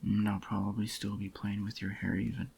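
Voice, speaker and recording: A man acts out a possessive yandere boyfriend in a soft-spoken ASMR roleplay, murmuring tenderly and dotingly as if soothing his sweetheart. His low, husky voice is a little groggy, with crackly fry, little pitch movement, and a slightly fast pace.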